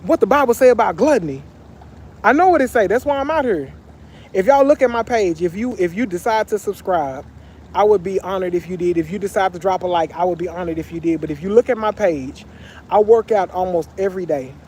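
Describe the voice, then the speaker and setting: Speaking at a brisk clip, this young Texan man hangs out by a pool on a phone livestream, reading comments aloud in a casual, slangy manner. His voice sits high with a darkish tone and an expressive delivery, over slight background noise.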